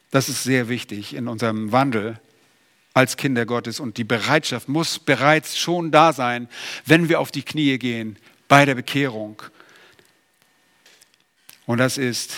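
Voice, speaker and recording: Emphatic preacher in a reverberant hall. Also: male voice, medium pitch, a bit bright. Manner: emphatic, addresses listeners with rhetorical questions. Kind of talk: sermon. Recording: long reverb of a large hall.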